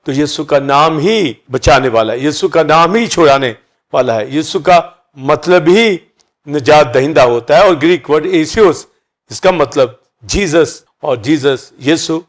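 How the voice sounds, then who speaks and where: A pastor preaches a sermon, explaining key words by listing several meanings for each. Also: male voice, on the high side, lively intonation, unhurried. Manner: teaching, repeats synonyms for each key word.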